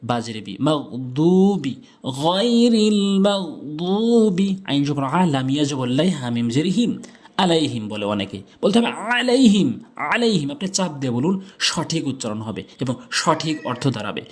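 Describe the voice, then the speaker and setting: A man teaching Quran recitation, spelling out Arabic letters syllable by syllable and reciting verses in a drawn-out chant. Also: medium pitch, expressive, breathy edge. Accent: Bangladeshi Bengali. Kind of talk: tajweed lesson with chanted recitation.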